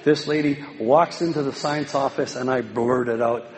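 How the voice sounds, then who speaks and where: A Canadian man telling anecdotes at a home education meeting in a folksy, self-deprecating way, with many pauses and ums. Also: mid-range voice, steady tone. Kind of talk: informal public talk with anecdotes. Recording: roomy hall with faint background noise.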